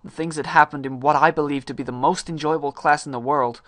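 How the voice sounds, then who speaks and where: A man performing a dramatic monologue as an earnest, disillusioned high-school student, with hammy stage-actor pauses and swells. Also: steady tone, a bit bright, no echo, studio quality, close to an everyday voice. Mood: intense, frustrated.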